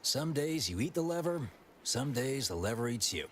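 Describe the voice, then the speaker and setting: A man's voice: medium pitch, big pitch swings, normal speed, a little hiss or hum, natural voice. A man playing a folksy, easygoing frontier drone technician in a video game, with homespun turns of phrase. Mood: easygoing, pleased. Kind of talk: video game character dialogue.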